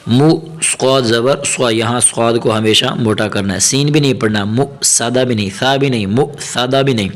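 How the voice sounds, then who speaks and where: Man, mid pitch, Quran reading lesson, slow syllable drills, quick soft explanations. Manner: spells out syllables slowly, then explains pronunciation rapidly and softly.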